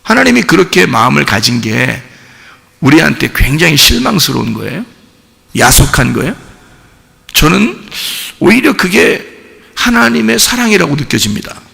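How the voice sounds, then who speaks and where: A pastor preaching a sermon in an animated way, sometimes rising to shouts. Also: male voice, a little high, moderate pace, creaky, pauses often, in a large hall. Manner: animated preaching, acts out quoted voices; rises to shouting at climaxes. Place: church sanctuary.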